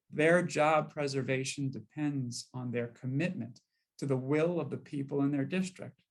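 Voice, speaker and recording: An American man delivering a formal speech as an impassioned civil rights orator, emphatic, with measured cadences and rhetorical force. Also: medium pitch. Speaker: exiting state higher education chair giving a speech.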